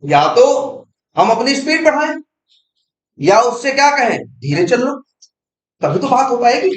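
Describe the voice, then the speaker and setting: Young male coding tutor, very high voice, quizzes and answers himself, echoey room. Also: big pitch swings, unhurried, a little hiss or hum. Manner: explains with rhetorical questions he answers himself. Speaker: programming teacher. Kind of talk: informal coding lesson.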